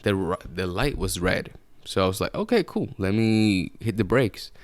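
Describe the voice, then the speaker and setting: Speaking at normal speed in a low-pitched voice with lively intonation, this Puerto Rican man rambles and curses freely on his solo podcast, recorded in his apartment. There's no room sound.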